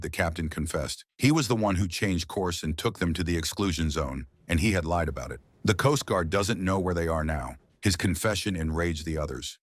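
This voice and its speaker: Guy with a real low voice doing a movie recap, steady and even. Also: no echo. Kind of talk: scripted narration.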